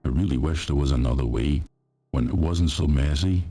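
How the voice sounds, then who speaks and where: A man voicing a calm, apologetic male killer who speaks in a soft, reassuring way. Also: very deep voice, moderate pace, slightly rough.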